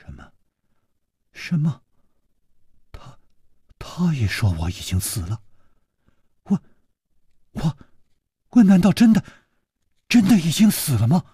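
A man's voice: mid-range voice, wildly swooping pitch, darkish tone, breathy edge, no room sound, studio quality, full character voice. A man voicing a distraught young woman who stammers and trembles in a storybook reading. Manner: halting, stammering.

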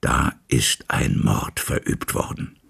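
A man voicing a loyal, frightened old male manservant who drops into hushed whispers, with a gravelly, husky voice. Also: extremely low pitch, slow pace, exaggerated voice. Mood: fearful.

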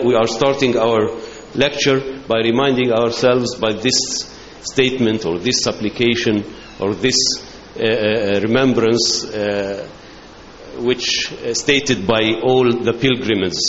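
Male lecturer, Egyptian accent, patient bilingual explanations, recorded in a big echoey hall. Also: lowish voice. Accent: Egyptian Arabic. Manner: explains slowly, switching between English and Arabic. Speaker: teacher. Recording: roomy, dull, hissy hall recording.

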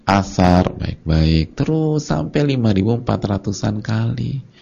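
A man giving a casual, colloquial religious lecture, telling lively stories and acting out short dialogues. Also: on the low side, unhurried, gravelly, breathy edge. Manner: colloquial and conversational. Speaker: Islamic preacher. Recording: dull lo-fi lecture recording.

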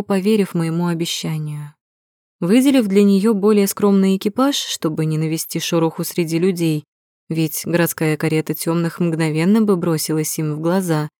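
A woman reading a first-person novel aloud in an even, measured storytelling manner, close to the mic. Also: fairly low pitch, dry recording. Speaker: audiobook narrator. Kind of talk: first-person audiobook narration.

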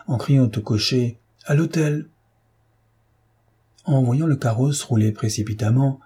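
A man reading a historical novel aloud in a measured, even storytelling manner. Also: lowish voice, husky. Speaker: audiobook reader.

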